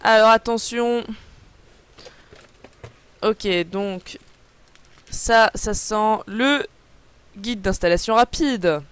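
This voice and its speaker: A woman's voice: fairly high pitch, drawn-out words, pauses often, smooth, no room sound. A young woman chatting casually on a live unboxing stream, rambling with lots of fillers and answering chat messages aloud. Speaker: livestreamer.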